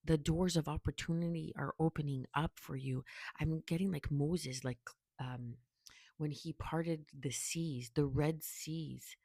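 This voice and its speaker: A woman giving a spiritual tarot reading to her viewers, soft-spoken, often checking in with a quiet "okay?" and dropping to near-whispers. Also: sits low, steady tone, a little slow, no echo, clean studio sound. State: hiccuping. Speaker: tarot reader.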